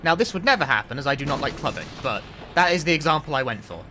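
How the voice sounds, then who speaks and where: A man's voice: fairly high pitch, lively intonation, fast talker, pushed and bright, a little hiss or hum. A man giving casual, rambling commentary during a game stream, full of "like" and swearing. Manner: rambling, self-mocking, swears, frequent "like". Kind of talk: casual live-stream commentary while gaming.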